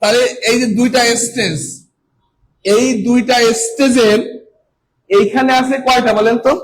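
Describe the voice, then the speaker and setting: A man with a high voice teaches a class, firing quick questions at his students and answering them himself. He draws out the important words and leans hard on them. A faint hum of the room sits behind him. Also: rough recording. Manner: keeps quizzing students with rhetorical questions, then answers himself; drawn-out, emphatic stressing of key words. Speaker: coaching teacher. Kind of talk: classroom lecture.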